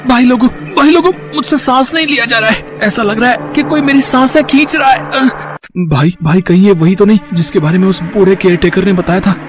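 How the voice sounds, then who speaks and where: Man voicing a frantic young male student, very high strained voice, gasping, cartoon horror. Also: steady tone, fast talker, hardly any pauses, over music, lightly acted. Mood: panicked. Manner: breathless, frantic pleading. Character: young male student, sensible, then panicking.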